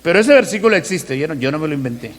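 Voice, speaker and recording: Preacher guy, high voice, asks the church questions, slows way down on verses, echoey hall. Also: sing-song. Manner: asks the congregation rhetorical questions, slows to stress scripture. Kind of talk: sermon teaching. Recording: long hall reverb.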